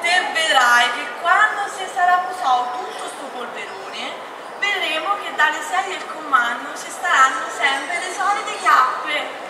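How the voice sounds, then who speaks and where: A sharp-tongued, sceptical servant woman played by a young actress speaks high in a stage comedy. She is heard from far off, with echo and crowd noise around her. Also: animated, unhurried. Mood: sceptical, resigned. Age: young adult. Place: outdoor stage in a square. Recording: distant echoey audio, crowd noise.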